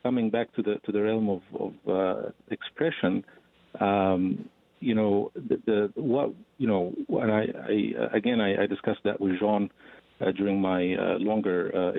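A man speaking as a guest scholar on a call-in show, halting, with many fillers and repeated words. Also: fairly low pitch, creaky, dry recording. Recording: tinny phone line, dry.

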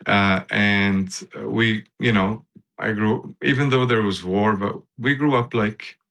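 A man's voice: lowish voice, steady tone, slow pace, fairly bright tone, rough recording. A man in his fifties from Lebanon, a guest in a casual interview, speaking unhurriedly with many fillers and restarts. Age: 50s.

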